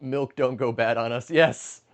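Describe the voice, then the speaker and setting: A man's voice: mid-range voice, fairly even intonation, measured pace, a little hiss or hum. Casual, profane man in his late twenties. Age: late 20s. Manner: profane, joking, reading chat aloud. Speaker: livestreamer. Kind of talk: casual livestream chat while cooking. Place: home kitchen, stepping outside to smoke.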